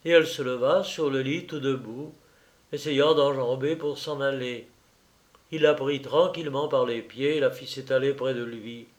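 A man reading a story aloud in a deliberate, dramatic narrating voice. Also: medium pitch, fairly even intonation.

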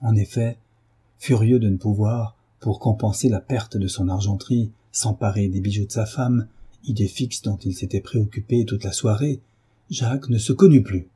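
A male audiobook narrator with a husky voice. His tone is dark and mellow, and he sits a little low in pitch as he tells the story in even, measured narration. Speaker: audiobook reader. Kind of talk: scripted narration of a novel.

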